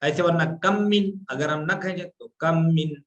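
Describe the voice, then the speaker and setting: A man's voice: fairly high pitch, fairly even intonation, normal speed, muffled recording. A man teaching an online class on Quran recitation, patiently explaining rules step by step and drawing out sounds to demonstrate.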